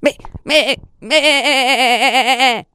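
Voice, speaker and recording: A woman's voice: high voice, very slow, bright, forceful tone, clear, resonant tone, voice pushed up, exaggerated voice. A woman voicing a timid, flustered young lamb that stammers. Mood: fretful. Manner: stammering, fretful.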